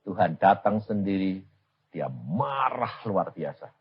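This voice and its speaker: A man with a Javanese-influenced Indonesian accent preaching a storytelling sermon, humorous and animated, acting out dialogue. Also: low voice, takes it slowly, husky, muffled recording. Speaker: evangelist preacher.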